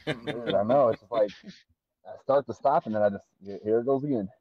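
A man's voice: mid-range voice, a little fast, breathy edge, no room sound, lo-fi sound. A man co-hosting a casual comedy podcast over an online call, breaking into helpless laughing fits. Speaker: podcast co-host. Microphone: own mic on an online call.

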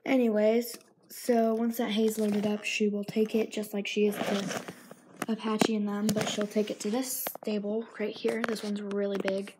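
A mid-range female voice with flat delivery and normal speed, over a noisy background. A young girl vlogger films a tour of her toy horse barn in a room at home, chatting casually and sometimes whispering, holding her phone as she records.

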